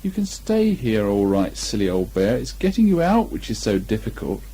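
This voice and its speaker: A man playing a kindly, practical young boy who speaks gently and matter-of-factly in a children's story. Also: lowish voice, big pitch swings, moderate pace, husky, exaggerated voice. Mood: fond, practical. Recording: muffled amateur 1980 home recording.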